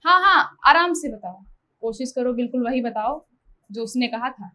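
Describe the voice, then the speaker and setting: A woman's voice: a little high, animated, normal speed, pushed and bright. A woman playing a young wife in a stage play, curious and flustered, protesting eagerly.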